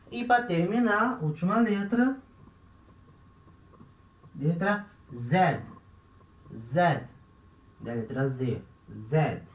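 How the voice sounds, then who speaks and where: Brazilian male teacher, slow and patient, repeats every word, echoey dull room sound. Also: a little high. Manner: patient, repeats each example word, constant "né?" checks. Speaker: language teacher. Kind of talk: classroom-style language lesson. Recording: roomy, dull lo-fi recording.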